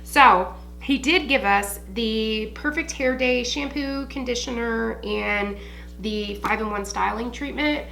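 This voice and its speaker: A woman's voice: on the high side, slow, creaky, a bit bright, soft background music, rough recording. An American woman chatting informally like a makeup tutorial host in a beauty haul review, slangy and swearing freely. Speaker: beauty vlogger.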